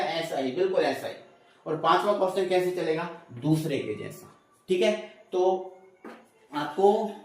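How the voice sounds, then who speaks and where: A male maths teacher explaining sums step by step, adding "है ना" and "ठीक है", asking questions aloud and answering them himself. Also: high voice. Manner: repeats prompts like "है ना" and "ठीक है" to check understanding; playful asides while explaining. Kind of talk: chalkboard maths lesson. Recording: very echoey room, voice from a distance.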